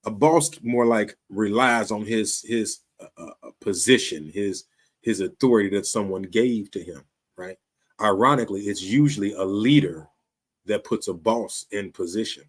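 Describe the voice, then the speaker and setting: A man's voice: fairly low pitch, moderate pace. A man, hosting his show in a casual, streetwise talk straight to the camera, often checking in with "you dig". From Chicago, USA. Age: 50s. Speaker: show host.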